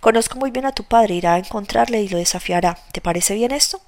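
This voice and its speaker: A woman's voice: mid-range voice, quick pace, darkish tone, close to an everyday voice. Lady reading a bossy older matron, stern and blunt, telling someone off in an audiobook. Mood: stern scolding. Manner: scolding, commanding. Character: stern, blunt older woman, head of a household.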